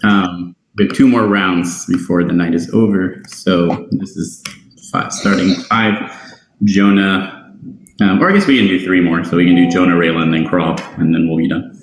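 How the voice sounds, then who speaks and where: A man running a tabletop game as game master, unhurried and hesitant with frequent ums. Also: low voice, fairly even intonation, roomy sound, a little hiss or hum, rough recording.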